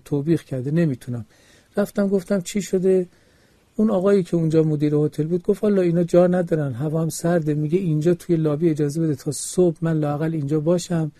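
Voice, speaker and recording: A man's voice: on the high side, warm tone, no echo. A man preaching a religious sermon, telling a story with quoted dialogue and earnest exhortation.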